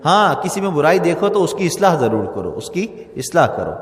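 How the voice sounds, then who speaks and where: A man's voice: a little high, big pitch swings. A man preaching a Friday sermon in a mosque, repeating key phrases for emphasis. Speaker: mufti giving a Friday sermon. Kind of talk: Urdu sermon with storytelling. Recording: echoey hall with long reverb.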